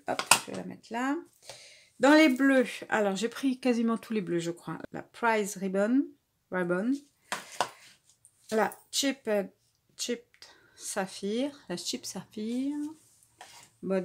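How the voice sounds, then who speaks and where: A woman in a casual home vlog, talking in a middle-pitched, everyday voice as she shows off craft supplies one by one. She is from France and speaks in a relaxed, hesitant way, stopping often and restarting her sentences. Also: a little hiss or hum. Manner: hesitant, many filler sounds and restarts. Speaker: craft vlogger. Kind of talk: casual haul presentation.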